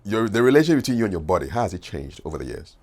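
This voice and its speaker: A man's voice: lowish voice, big pitch swings, rapid-fire, darkish tone. A man with a Ghanaian accent hosting a casual interview, teasing his guest in a playful way. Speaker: interviewer host.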